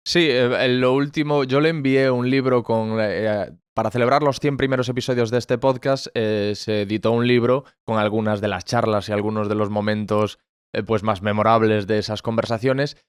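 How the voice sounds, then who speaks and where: A man hosting a podcast interview, talking in a relaxed, friendly way with some hesitant fillers. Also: on the low side, normal speed, clean tone, no room sound, studio quality. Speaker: podcast host. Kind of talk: casual conversational interview.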